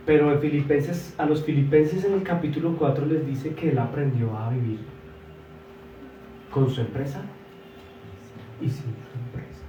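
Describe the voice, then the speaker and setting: Man preaching a sermon, fairly high voice, echoey church hall, distant from the mic. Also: slight background noise. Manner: emphatic, swings between loud exclamations and soft asides; stretches words slowly for emphasis. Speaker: pastor.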